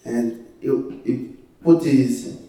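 Man, Ivorian French accent, native French speaker, halting and unhurried testimony, very reverberant room. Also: medium pitch, warm tone. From Ivory Coast, West Africa. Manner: halting, searching for words in limited English. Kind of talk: personal testimony to a group. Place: echoey room, away from the mic. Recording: very echoey room, distant mic.

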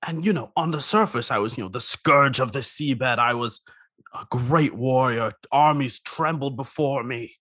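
A man voicing a huge, vain, lonely crab warrior from a tabletop game in a theatrical, coy, self-flattering way. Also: mid-range voice, normal speed, dry recording, clean studio sound. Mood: wistful.

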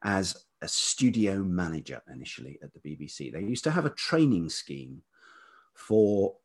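Here a man in his fifties, a writer and producer, looks back on his life in a reflective autobiographical interview. He speaks hesitantly and thoughtfully in a velvety voice that is low-pitched and darkish. His pitch swings widely and his pace is moderate.

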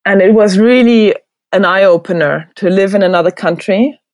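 A middle-aged German woman with a German accent, a design professor speaking as an interview guest, animated and thoughtful, laughing often. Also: mid-range voice, normal speed, no room sound. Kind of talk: reflective conversational interview.

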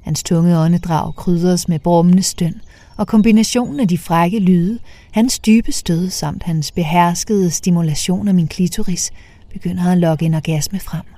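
A woman narrating a first-person story in a soft, half-whispered way. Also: lowish voice, no echo.

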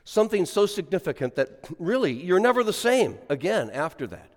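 A middle-aged or older man, a clergyman reading scripture and preaching in a measured, emphatic way, with deliberate pauses. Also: high voice, very animated. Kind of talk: liturgical reading and sermon. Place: large church, speaking to a congregation. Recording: long echoing reverb of a large church.

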